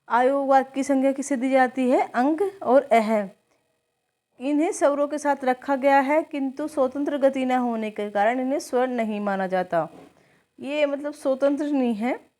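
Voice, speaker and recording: A woman's voice: high-pitched, a little mellow. A woman teaching a grammar lesson for exam preparation, reciting letters one by one and explaining them patiently.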